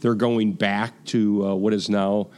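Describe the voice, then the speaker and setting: A man in an interview recalling the concerts he has hosted, speaking haltingly with many restarts. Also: lowish voice, level tone, a little mellow. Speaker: festival executive. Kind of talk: interview talk.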